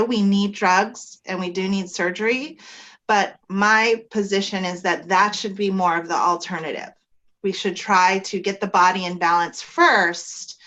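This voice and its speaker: A woman naturopathic physician explaining her field in a measured way with frequent ums, speaking from her office. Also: mid-range voice, sharp tone, highs cut off. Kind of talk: explanatory interview talk.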